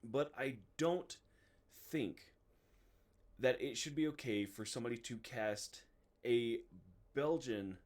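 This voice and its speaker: This movie-reviewing video host has a mid-range voice, speaking slowly with frequent pauses and sitting far from the mic. His casual, opinionated rant to camera is emphatic and exasperated, loaded with profanity.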